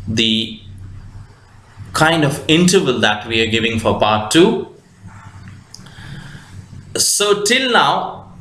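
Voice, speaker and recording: In an echoey room, a male teacher with an Indian English accent reads a story and explains it, using slow, deliberate phrasing and plenty of fillers. His voice is mid-range and fairly bright.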